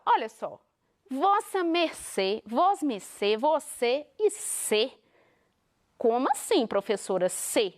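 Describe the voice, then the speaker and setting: A woman teacher from Minas Gerais with a Minas Gerais accent, explaining a televised lesson in an animated way and asking the class rhetorical questions. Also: high-pitched. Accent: Minas Gerais Brazilian Portuguese. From Minas Gerais, Brazil.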